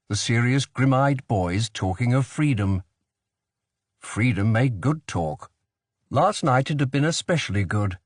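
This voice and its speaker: A male narrator reading a spy thriller in a steady, measured way. His pitch sits in the middle range. The recording is dry and close. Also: no echo. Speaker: audiobook narrator. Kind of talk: scripted narration.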